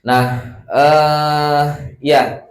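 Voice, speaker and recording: A man's voice: fairly high pitch, little pitch movement, extremely slow, echoey room, rough recording. A man from West Sumatra whose Indonesian has a Javanese lilt, giving a casual, self-deprecating welcome speech as an institute's director, with many filler sounds. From Padang, West Sumatra. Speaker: executive director of a research institute.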